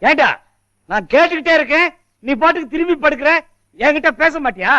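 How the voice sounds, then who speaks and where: A man's voice: very high voice, animated, brisk, sharp tone, full character voice. An actor playing a proud, stubborn but tender-hearted old grandfather who scolds and pleads in everyday speech. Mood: pleading. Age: older. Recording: muffled film audio with music.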